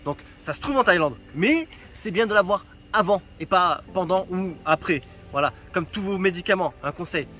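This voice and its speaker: A man's voice: high-pitched, expressive, normal speed, pushed and bright. A man giving casual travel advice in a vlog, chatty and direct with joking asides, recorded outdoors in a town. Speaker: travel vlogger.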